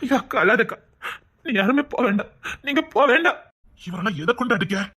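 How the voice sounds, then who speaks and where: An earnest village man , played by a comic actor, who soothes his wailing aunt in a bright, mid-pitched voice. He speaks with a Tirunelveli Tamil accent and drops grumbling asides. The tone is comedy skit drama. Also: lively intonation, brisk, breathy edge. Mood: consoling.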